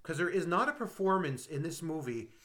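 A man's voice: on the high side, animated, fairly quick, a bit bright. A man co-hosting a movie podcast, rambling through an exasperated, casual critique of a film. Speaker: podcast co-host. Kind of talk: casual movie review chat.

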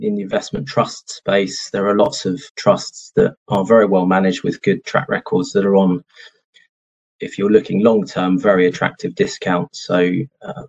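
A man's voice: low-pitched, gravelly, darkish tone, husky. A man giving conversational investment commentary as an expert guest. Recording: dull, lo-fi audio.

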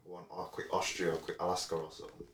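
A young man with a deep voice and a London roadman accent. He talks in loose, repetitive street slang among friends. The recording is roomy, with clear noise behind him. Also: monotone, rapid-fire. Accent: London, urban roadman slang. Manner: slangy, repeats his phrases. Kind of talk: casual group chat.

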